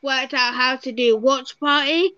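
A woman co-hosting a podcast in casual chat, excitable and fangirling, swearing freely. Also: high-pitched, a little slow, dull audio, a little hiss or hum. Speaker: podcast co-host.

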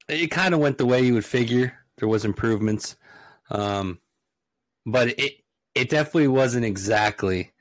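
Low, rambling podcast man. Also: no echo. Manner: rambling, filler-heavy, jokey. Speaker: podcast co-host. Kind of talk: casual chat.

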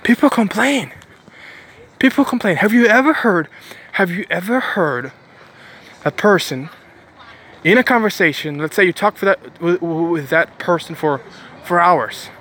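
Emphatic man with a higher voice. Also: expressive, unhurried, long pauses, fairly bright tone, husky. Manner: emphatic, repeats phrases for stress; rambling with frequent restarts. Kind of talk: preachy motivational monologue.

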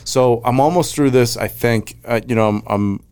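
A man's voice: medium pitch, normal speed, darkish tone, clear, resonant tone, dry recording. A man with a nasal, congested voice, chatting casually and rambling as a podcast co-host. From Maine. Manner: rambling, laughs often. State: congested, recovering from covid. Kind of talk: casual chat.

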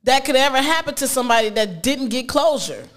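A woman hosting a podcast in sassy, casual banter, quick to laugh and giving relationship advice. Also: high voice, expressive. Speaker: host.

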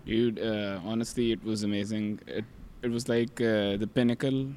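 A man's voice: lowish voice, little pitch movement, normal speed, a little mellow. A man answering casually as an interview guest. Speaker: interview guest, fight league organiser. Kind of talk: casual chat. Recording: faint background noise.

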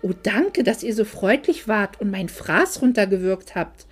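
A woman's voice: medium pitch, expressive, unhurried, husky, faint music behind. A woman reading as a hurt, furious young daughter. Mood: hurt, angry. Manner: emotional, indignant outbursts. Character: hurt, angry young woman home for Christmas.

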